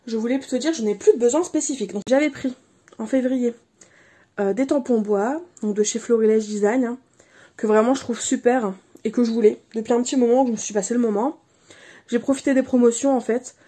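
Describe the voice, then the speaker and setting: A woman with a fairly high, mellow voice and a slightly husky, breathy edge talks through a craft-supply haul in a relaxed, chatty way. She stops and restarts her sentences often and leans on little fillers as she goes. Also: brisk. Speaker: crafts channel host. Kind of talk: casual product haul chat.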